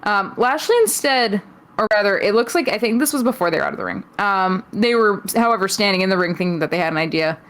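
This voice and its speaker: A woman's voice: medium pitch, lively intonation, fast talker, fairly bright tone. A woman co-hosting a podcast, giving a casual recap filled with ums and wry asides. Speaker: podcast co-host. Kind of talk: casual wrestling event recap.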